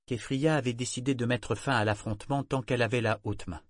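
A man reads a novel aloud at a steady, measured pace, his voice sitting in an ordinary middle register. The sound is close and dry with no room echo. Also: mid-range voice. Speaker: narrator. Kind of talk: audiobook narration.

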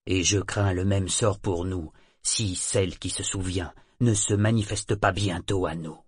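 A man voicing an ancient male sea serpent leader who speaks softly and gravely, without emotion. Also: fairly even intonation, no room sound, clean studio sound. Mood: ominous. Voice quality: husky, low and unhurried. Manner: soft, emotionless, slow and grave. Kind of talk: audiobook character voice.

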